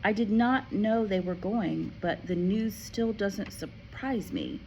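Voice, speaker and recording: Woman doing a gentle, kindly teacher. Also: mid-range voice, slight background noise, pitched above the performer's own voice, low-quality recording. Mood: gentle calm. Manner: quiet, calm and measured.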